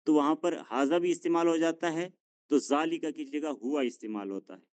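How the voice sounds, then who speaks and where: A man teaching an Arabic lesson, drilling students with questions, patient and encouraging as he corrects them gently. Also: on the high side, moderate pace, no room sound.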